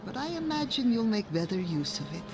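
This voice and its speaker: Actress as older village woman, kindly, brisk, maternal, fantasy game, clear music underneath. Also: mid-range voice, sing-song, natural voice. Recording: music behind voice.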